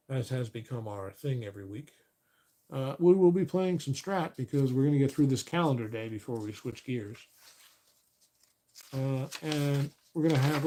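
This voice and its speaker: A host narrates a tabletop baseball replay play by play, easygoing as he counts statistics aloud and catches his own mistakes. His medium-pitched voice picks up a slight rasp.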